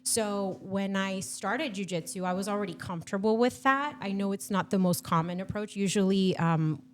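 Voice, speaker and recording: A woman's voice: medium pitch, normal speed, slight background noise. A woman in her thirties from Argentina, chatting enthusiastically as a podcast guest with plenty of fillers. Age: 30s. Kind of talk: casual chat.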